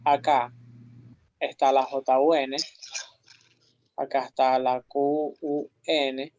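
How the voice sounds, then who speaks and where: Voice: mid-range voice, level tone, slow pace, darkish tone, no echo. A language teacher running a pronunciation drill, patiently repeating each syllable several times. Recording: muffled lo-fi audio.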